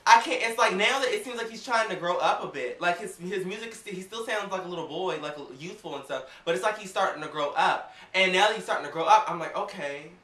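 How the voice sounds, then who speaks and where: A woman casually reviewing an awards show in a sassy, animated, gossipy way, acting out quotes as she talks. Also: lowish voice, quick pace, hardly any pauses, distant mic. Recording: roomy, off-mic home recording.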